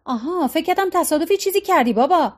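A worried middle-aged husband from an audiobook, voiced by a woman in a high voice. He fires off alarmed questions. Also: animated.

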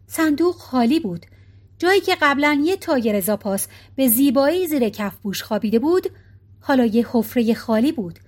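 A woman reading a novel aloud as audiobook narrator, in a calm, even storytelling manner. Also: high-pitched.

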